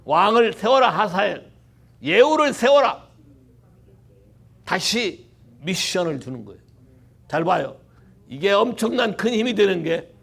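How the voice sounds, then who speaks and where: Male pastor, high gravelly voice, animated sermon, rhetorical questions. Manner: animated, rhetorical questions, mixes in English phrases. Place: church.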